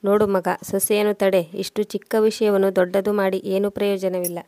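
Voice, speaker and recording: A woman doing a gentle pleading old father-in-law. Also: medium pitch, flat delivery, brisk, dry recording, close to an everyday voice. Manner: pleading, conciliatory.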